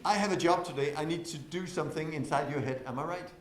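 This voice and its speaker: A man's voice: on the high side, fast. Man speaking in an echoey hall. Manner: engaging, quizzes the audience, swings from loud to soft. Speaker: conference speaker. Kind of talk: lively conference talk. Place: windowless conference hall. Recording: echoey hall with faint noise.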